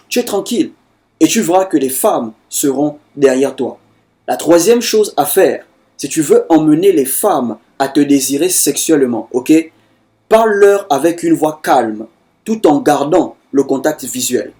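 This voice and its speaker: A man talks straight to the camera with dating tips for other men. His voice sits a little high with a soft, mellow tone. He circles back over the same points and keeps calling the listener bro. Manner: repetitive, calls the listener bro. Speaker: dating advice coach. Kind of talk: casual advice monologue.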